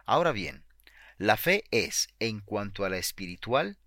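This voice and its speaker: A man narrating a devotional book in an earnest, measured reading. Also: on the low side, big pitch swings, a bit bright, no echo, studio quality. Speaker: audiobook narrator.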